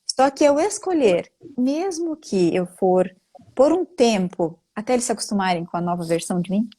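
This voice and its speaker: A woman's voice: lively intonation, normal speed, warm tone. A woman, a family constellation facilitator, explains things earnestly and like a teacher during a live-stream talk. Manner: earnest, teacherly, with frequent rising pitch jumps.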